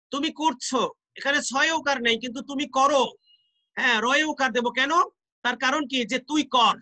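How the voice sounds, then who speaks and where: A male teacher with a Bangladeshi accent gives an online class, explaining slowly, repeating examples and asking rhetorical questions. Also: extremely high pitch, sharp tone, poor audio.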